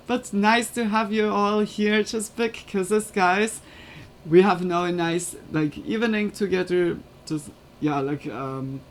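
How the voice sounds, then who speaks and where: A woman's voice: fairly low pitch, a little hiss or hum. A woman chatting casually and giggling on a live stream, with loose non-native phrasing, into a USB desk microphone.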